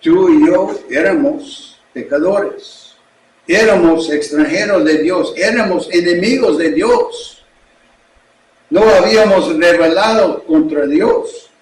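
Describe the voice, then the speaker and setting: A male pastor with an English accent, a native English speaker preaching a sermon in a language he is still learning, slow and deliberate. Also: high-pitched, a little hiss or hum. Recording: echoey room, distant mic.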